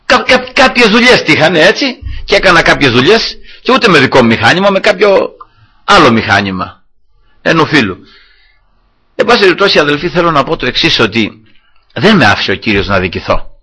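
Lively, husky Greek-speaking preacher man. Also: a little high. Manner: animated storytelling, acting out dialogue. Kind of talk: sermon with personal testimony.

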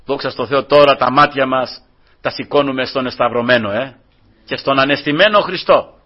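Male preacher, fervent sermon delivery, husky and slightly high, dull lo-fi sound. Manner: fervent, rising and falling in loudness, repeating "brothers".

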